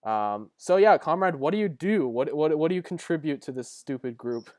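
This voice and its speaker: A man's voice: fairly high pitch, lively intonation, moderate pace, a little mellow, no echo, studio quality. A man hosting a casual podcast, joking and blunt with his guests. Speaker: podcast host and editor. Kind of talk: casual chat.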